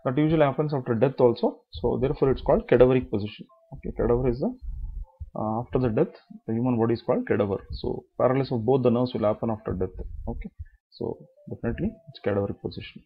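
A man's voice: mid-range voice, quick pace, slightly rough, muffled recording. A man giving a medical lecture, explaining step by step, repeating key terms and asking then answering his own questions.

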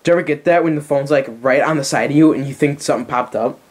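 A man's voice: fairly high pitch, quick pace. A teenage boy hosting a casual podcast chat, rambling with lots of fillers and frequent giggles. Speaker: podcast host.

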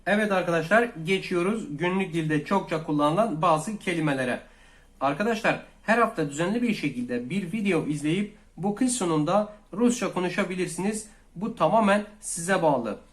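A man from Turkey teaching a language lesson, calmly repeating each phrase twice and speaking to viewers as friends. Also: sits high, moderate pace, reverberant. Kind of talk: slow Russian lesson for Turkish learners.

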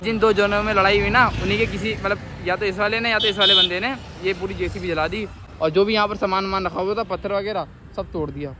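A man's voice: high voice, steady tone, fast, background noise. A young man casually vlogging with his family, teasing and chatty as he talks to his viewers. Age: young adult.

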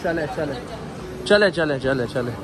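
A chatty young man with a Punjabi accent films himself on a phone at arm's length, teasing his companions and the viewers. His voice sits a bit high, and there is loud crowd chatter and street noise all around. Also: animated, takes it slowly. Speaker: vlogger. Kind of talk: casual vlog. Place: busy shopping mall and outdoor promenade. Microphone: phone camera at arm's length.

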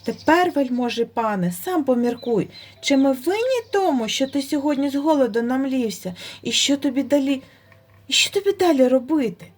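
A woman's voice: high voice, lively intonation, moderate pace, voice pushed up. A woman voicing a small, timid but cunning male hare who speaks with exaggerated politeness. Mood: persuasive. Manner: very polite, pleading.

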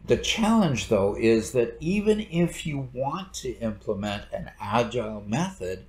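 Middle-aged man lecturing in a roomy study. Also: mid-range voice. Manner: relaxed explanatory, gestures with hands. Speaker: instructor. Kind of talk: recorded lecture over slides. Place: home study with bookshelves, indoors. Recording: roomy echo.

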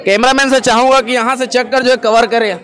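A man's voice: very high voice, fairly even intonation, brisk. A young man vlogging from an outdoor religious gathering, reporting and interviewing people in a chatty, repetitive way. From Chhattisgarh, India. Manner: repetitive, eager, fills with "jo hai". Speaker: roving vlogger interviewing festival crowd. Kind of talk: on-the-spot reporting and crowd interviews. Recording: loud crowd noise behind.

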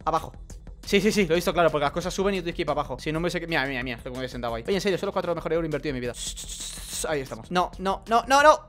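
A man's voice: on the high side, very fast, a bit bright, soft background music. A man with a Spain Spanish accent giving jokey let's play commentary, reading game text aloud and muttering curses under his breath. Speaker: gaming YouTuber.

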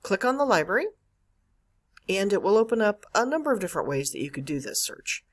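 In this screencast voice-over, a woman working as a college librarian explains the catalog step by step, leaning on key words. She speaks briskly in a mid-range voice that swings widely in pitch.

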